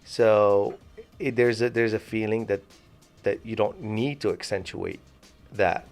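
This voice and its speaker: A man from Morocco co-hosting a podcast, talking in a thoughtful, halting way with many restarts. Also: on the low side, steady tone, darkish tone, faint music behind. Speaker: podcast co-host. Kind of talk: casual discussion.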